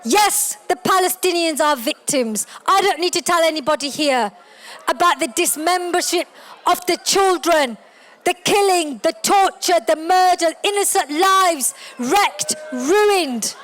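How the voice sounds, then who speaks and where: A woman addressing a rally in a slow, rhetorical speech, listing words one by one. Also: very high voice, lively intonation, fairly bright tone. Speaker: rally speaker.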